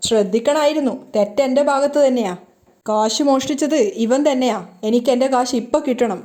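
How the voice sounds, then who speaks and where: A woman's voice: high voice, a little fast, warm tone, natural voice. A woman reading the lines of a scornful middle-aged woman who accuses a boy of theft, in her own plain voice. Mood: accusing. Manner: read out plainly in the reader's own voice.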